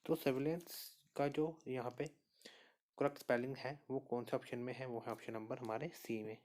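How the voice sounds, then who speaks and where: Male teacher, mid-pitched, steady and patient, talks through each answer and repeats the key points. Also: moderate pace. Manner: steady explainer, repeats answers and says "okay" often. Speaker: exam prep teacher. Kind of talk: spoken lesson walking through quiz answers.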